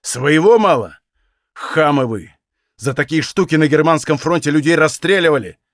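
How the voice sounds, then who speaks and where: A man's voice: expressive, moderate pace, no echo, clean studio sound. A man doing a curt, hot-tempered Cossack officer. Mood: furious. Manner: curt, low and clipped.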